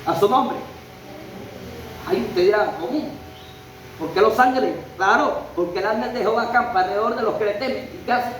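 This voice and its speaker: A man's voice: sits high, a little fast, a bit bright. A man preaching a sermon, emphatic and full of rhetorical questions and a repeated refrain. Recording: very echoey church hall, faint noise.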